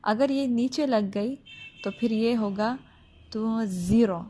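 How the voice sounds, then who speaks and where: A woman's voice: fairly high pitch, dark tone. A woman teaching tajweed. She explains pronunciation patiently, step by step, and often checks that the listener follows. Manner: slow drawn-out recitation, then plain step-by-step explaining. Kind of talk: Quran recitation lesson.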